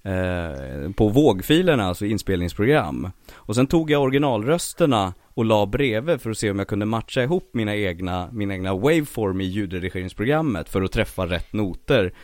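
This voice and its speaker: A man's voice: lowish voice, few pauses, dry recording. A man who works as a voice actor and impressionist, telling stories in a casual podcast interview. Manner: lively storyteller, slips into quoted voices.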